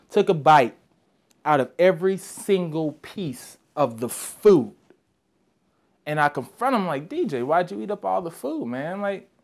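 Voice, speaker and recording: A young man with a fairly high voice gives a motivational talk. He tells his story with lively energy and acts out the other people's voices as he goes. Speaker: motivational speaker.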